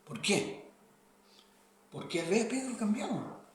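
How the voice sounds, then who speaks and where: A man delivers a sermon in a high voice, dropping soft for scripture and rising to fervent, shouted passages. The sound carries a roomy echo, as in a church hall. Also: very animated, slow pace. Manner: swings from quiet reading to loud impassioned preaching. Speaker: preacher.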